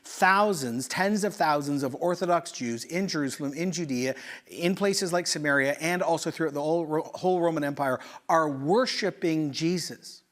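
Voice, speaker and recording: A middle-aged male pastor from Canada, preaching in an animated, conversational way with rhetorical questions and quick asides. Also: fairly high pitch. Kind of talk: sermon.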